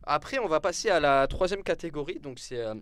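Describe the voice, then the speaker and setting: A man's voice: on the high side, animated, a little fast, fairly bright tone, no echo. A young man presenting a sports segment in casual radio chat, hesitant, full of fillers and restarts, often poking fun at himself. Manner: hesitant, lots of fillers and restarts, self-mocking. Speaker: sports columnist on a club show.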